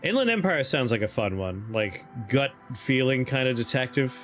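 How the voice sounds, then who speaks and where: Animated man streaming a video game. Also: medium pitch, normal speed. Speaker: livestreamer. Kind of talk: casual game stream commentary, reading options aloud. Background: faint game music.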